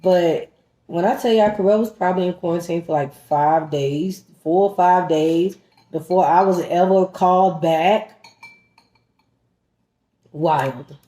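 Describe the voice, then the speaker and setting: A woman vlogger telling a story in casual chat, animated and emphatic, talking straight to her viewers as "y'all" while eating at home. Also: fairly low pitch, takes it slowly. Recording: roomy echoey room.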